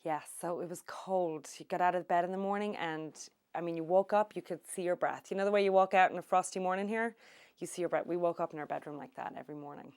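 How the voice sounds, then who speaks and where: Brief: woman from Ireland, middle-aged, low voice, unhurried, thoughtful interview answers. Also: a little mellow, clean tone. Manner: unhurried, thoughtful, with many ums. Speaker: oral history interviewee. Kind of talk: reminiscing interview.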